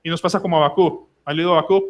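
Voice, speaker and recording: A pastor delivers an emphatic sermon at a church service. His voice sits fairly high for a man. He slips into quoted voices and pleading prayers as he preaches. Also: steady tone, racing. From Colombia.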